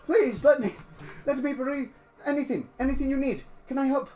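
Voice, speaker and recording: A man voicing a groveling, frantic old male peasant, pleading in a high, breathless voice. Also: normal speed, dark tone, faint music behind.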